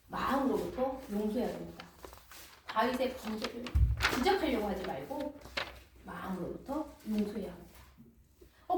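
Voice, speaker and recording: Animated woman preaching in a roomy church. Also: a little high, a little hiss or hum. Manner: animated, asks the congregation questions. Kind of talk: storytelling sermon. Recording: roomy church hall from a distance.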